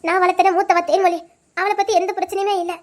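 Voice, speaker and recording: Worried wife in an audio drama, very high voice, quick talk. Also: female voice, flat delivery. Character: tearful middle-aged wife reuniting with husband.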